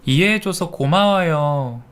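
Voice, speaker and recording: A man voicing a gentle young wife in a Korean radio drama, speaking softly and politely. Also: a little high, expressive, a little slow, clean tone. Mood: apologetic.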